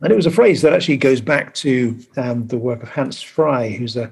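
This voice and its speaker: A man hosting a podcast over a video call, talking casually and haltingly with many pauses. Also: mid-range voice, lively intonation, gravelly, breathy edge. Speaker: podcast host.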